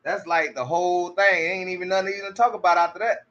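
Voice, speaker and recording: Bright-voiced man with stammering rhetorical questions. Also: high-pitched, fairly even intonation, fast talker, highs cut off. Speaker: commentary streamer. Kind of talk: casual commentary.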